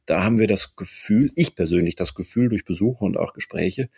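Man, 50s, podcast guest. Low, gravelly voice; measured and reflective. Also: darkish tone. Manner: measured, reflective, frequent restarts. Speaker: guest, company managing director. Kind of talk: thoughtful podcast conversation.

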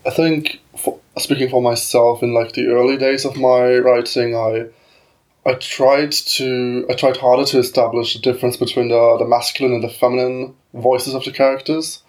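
A man's voice: medium pitch, little pitch movement, normal speed, a little mellow, poor audio. A man as a guest on a casual podcast chat, speaking hesitantly and restarting his phrases. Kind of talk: casual round-table chat.

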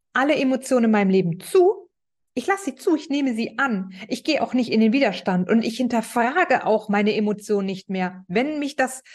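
Middle-aged woman, podcast host; personal monologue, emphatic and repetitive, fairly high pitch. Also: darkish tone. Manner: emphatic, repeats key phrases.

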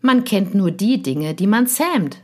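A woman voicing a gentle, wistful male fox in a storybook reading, talking in an earnest, pleading manner. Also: mid-range voice, animated, unhurried.

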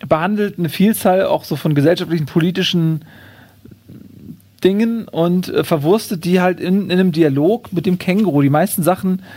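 Man presenting a book, high-pitched voice. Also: moderate pace, darkish tone, no room sound. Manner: hesitant, many fillers. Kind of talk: casual book talk and reading aloud.

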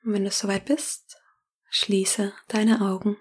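A woman guides a meditation in a soft, breathy near-whisper, slowly and calmly with long pauses. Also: medium pitch. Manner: slow, calming, long pauses between phrases. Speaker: meditation guide and podcast host.

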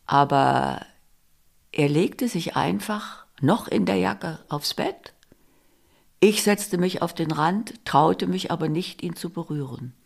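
A woman reads a novel excerpt in measured, intimate first-person narration. She takes her time over each phrase, and her voice carries a gravelly fry. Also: lowish voice, darkish tone. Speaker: reader. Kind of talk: literary reading of a novel excerpt.

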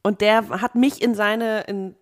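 A young woman co-hosting a podcast in casual chat. She tells her story in a loose, rambling way, with fillers and laughter. Her voice sits at a middling pitch. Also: steady tone, measured pace. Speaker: podcast co-host.

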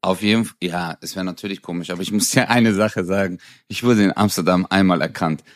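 A young man co-hosting a comedy podcast talks briskly in a low voice. In this casual chat he tells stories in a lively way, acting out the voices of the people in them and laughing often.

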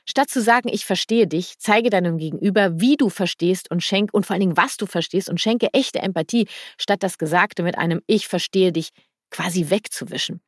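A woman's voice: lowish voice, fairly quick, no room sound, studio quality. A woman hosting a parenting podcast, giving direct, practical advice in an informal way and offering example phrases to say to children. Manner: informal, blunt at times.

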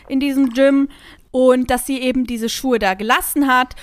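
A woman's voice: high-pitched, normal speed, dry recording. Chatty woman telling a story. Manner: chatty storyteller, lively, many fillers. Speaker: podcast co-host telling a story. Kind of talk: casual chat.

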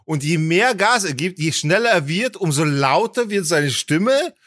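A man's voice: fairly high pitch, measured pace, dry recording, clean studio sound. A man telling a story on a casual podcast, acting out the people in it with big jumps in his voice. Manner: animated, acts out quotes with big voice jumps. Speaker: podcast host.

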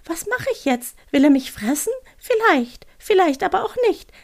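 A woman's voice: very animated, normal speed, gravelly, exaggerated voice. A woman voicing a small, anxious owl from a children's book that dithers and talks worriedly to itself. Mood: fretful. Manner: high, hesitant, worried self-talk. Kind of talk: reading aloud from a children's book.

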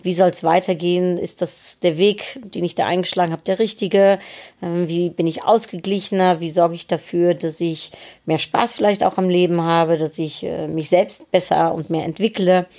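A woman hosting a podcast, speaking in a reflective monologue with halting delivery as she thinks aloud. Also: fairly low pitch, fairly even intonation, warm tone. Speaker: podcast host.

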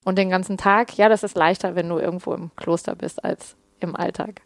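A woman coaching on mindfulness in a casual podcast conversation, explaining calmly with everyday examples. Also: lowish voice, brisk, no room sound, clean studio sound. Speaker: mindfulness coach answering listener questions.

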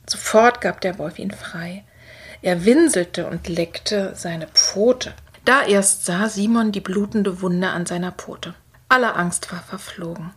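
A woman reading a children's Christmas story aloud in a soft, partly whispered storytelling voice. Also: medium pitch, slightly rough.

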